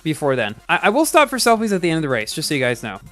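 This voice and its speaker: Male live streamer, bright animated voice, casual running commentary over faint music. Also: on the high side, rapid-fire. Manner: chatty, reacts aloud to the game, many restarts. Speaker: game streamer.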